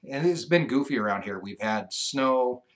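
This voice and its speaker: Sitting on a living room couch, a man in his forties co-hosts a casual ranch livestream. He chats in an easygoing, halting way, full of fillers, with a medium-pitched and animated voice.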